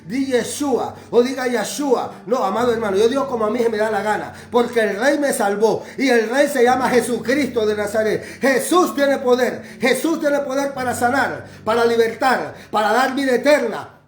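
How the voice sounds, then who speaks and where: A man's voice: extremely high pitch, moderate pace. Fervent man preaching in an echoey room. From Honduras. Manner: fervent, repetitive preaching cadence. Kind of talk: sermon. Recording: roomy echo with faint music behind.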